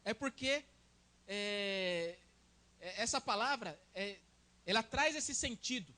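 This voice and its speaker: A man's voice: sits high, expressive, slow pace, pushed and bright. A young man with a Brazilian Portuguese accent, preaching a sermon in a conversational way and often adding "né?" at the end of sentences.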